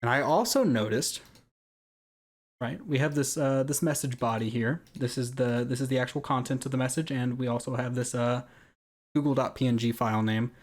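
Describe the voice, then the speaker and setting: A man's voice: mid-range voice, normal speed. Casual man explaining things. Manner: conversational, explanatory, often checking with "right?". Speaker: video creator walking through an account hack. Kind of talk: casual screen-recording commentary.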